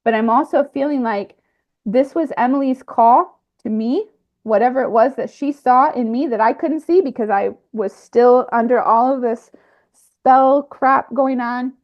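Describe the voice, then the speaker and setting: Woman's halting reflective monologue, muffled. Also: on the high side. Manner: halting, with frequent fillers and restarts. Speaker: speaker sharing a personal spiritual account. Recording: slightly muffled lo-fi recording.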